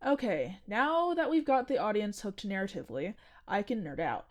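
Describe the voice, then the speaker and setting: In a comedic audio drama, a young woman plays a restaurant janitor, a strange and cheerfully nerdy coworker who is matter-of-fact and teasing. Her mid-range voice is natural and sing-song, at a moderate pace, with a breezy mood.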